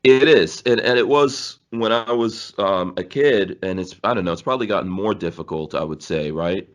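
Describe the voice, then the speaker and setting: A man's voice: sits low, normal speed. A man in his forties, born in Guyana and raised in New York City, rambling through stories as a podcast guest, with frequent laughs. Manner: rambling, laughs often, restarts. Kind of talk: casual storytelling interview.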